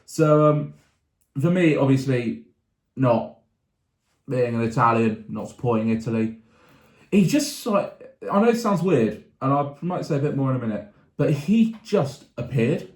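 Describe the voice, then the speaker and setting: A man's voice: medium pitch, lively intonation, unhurried, pauses often, a little mellow. A young man chatting casually about sports, rambling with restarts and asides. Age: young adult. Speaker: sports vlogger. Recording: roomy echo.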